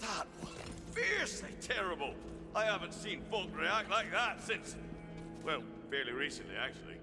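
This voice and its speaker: A blunt, declamatory fighter in a video game. His voice sits a little high and is emphatic and theatrical. It carries hall reverb over music. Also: very animated, moderate pace. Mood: boastful.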